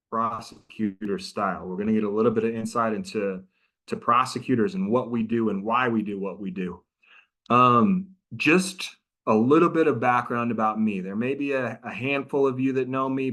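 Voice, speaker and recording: A middle-aged man, a prosecutor and trainer, leads a relaxed training session by video call, talking informally and interacting with listeners. He speaks in a mid-range, slightly bright voice.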